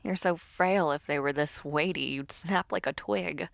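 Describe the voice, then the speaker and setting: A woman performing a gentle, partly whispered audio role-play as a calm caring maid. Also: low voice, unhurried, creaky, no room sound, studio quality. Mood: teasing.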